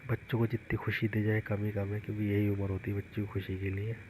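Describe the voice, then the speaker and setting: A man's voice: fairly low pitch, little pitch movement, fast talker, darkish tone, a little hiss or hum, rough recording. A man, a father, casually narrating a home vlog about his young sons in a chatty storytelling way. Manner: chatty storytelling, retelling the kids' antics.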